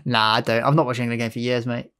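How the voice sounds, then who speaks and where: A man's voice: medium pitch, level tone, racing, a bit bright, clear, resonant tone. A young man as a podcast guest, laid-back and joking, with blunt opinions. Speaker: podcast guest, game content creator. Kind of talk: casual podcast interview.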